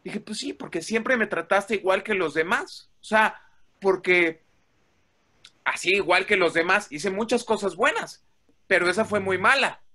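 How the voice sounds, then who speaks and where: A man's voice: sits high, a little slow. A man casually telling a workplace story, acting out the dialogue and swearing freely. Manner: animated, acts out quoted dialogue, swears casually. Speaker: guest telling a work story.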